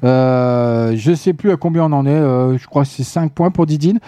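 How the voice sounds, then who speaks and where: Guy hosting a radio show, bit hoarse, joking around, dry studio sound. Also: medium pitch, moderate pace, dark tone, no echo. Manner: chatty, joking with listeners in the chat. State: voice going hoarse from talking. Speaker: radio host. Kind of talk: casual live radio hosting.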